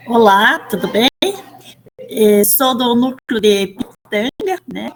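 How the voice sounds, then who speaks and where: A woman with a Brazilian Portuguese accent introducing herself as a teacher on a call, lively and emphatic. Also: fairly high pitch, takes it slowly, rough recording. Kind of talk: online class introduction.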